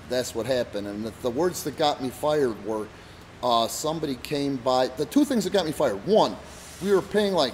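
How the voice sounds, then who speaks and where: A man's voice: a little high, a little hiss or hum, poor audio. A middle-aged man co-hosting a casual chat, telling stories in a profane, rambling way. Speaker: podcast co-host, wrestling promoter.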